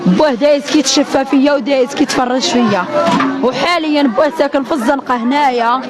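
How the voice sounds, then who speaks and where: A high-pitched young Moroccan woman pours out an angry, tearful account in the street. She talks fast and insistently, repeating phrases in distress, with a loud crowd around her. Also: loud music behind the voice. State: crying, upset. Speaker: bereaved widow giving an eyewitness account. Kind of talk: emotional street testimony to an interviewer. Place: outdoors in a residential street.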